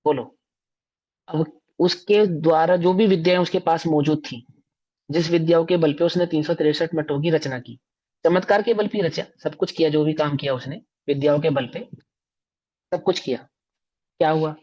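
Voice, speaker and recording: A man's voice: a little high, moderate pace, long pauses, darkish tone. A man giving a religious discourse as a scripture teacher, emphatic and full of rhetorical questions to his listeners. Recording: dull lo-fi recording.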